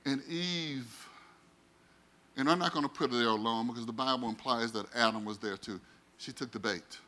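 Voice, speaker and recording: A pastor preaching a sermon, swinging from loud declarations to hushed, slow, dramatic phrases. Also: male voice, mid-range voice.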